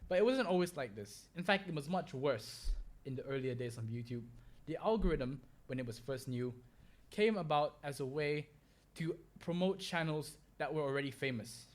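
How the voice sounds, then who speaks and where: A man's voice: on the high side, animated, normal speed. A young man hosting a solo podcast, rambling with fillers and restarts as he talks. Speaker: podcast host.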